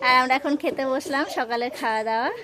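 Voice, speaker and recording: A woman's voice: high-pitched, fast talker, a crowd in the background. A woman narrating a casual family vlog at home, cooing baby talk to her small children between plain commentary. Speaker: family vlogger and mother.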